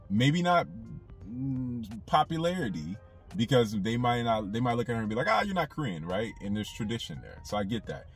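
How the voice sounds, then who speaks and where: A young man, a YouTube commentator, talks casually to the camera from inside a car in a casual commentary vlog. His mid-range, slightly rough voice sounds far from the mic, and he rambles loosely with lots of fillers.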